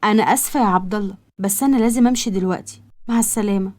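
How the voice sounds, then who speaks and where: A woman's voice: mid-range voice, very fast, a little mellow, close to an everyday voice. A woman with an Egyptian accent voicing a shy, proper young woman who speaks defensively. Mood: earnest. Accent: Egyptian Arabic.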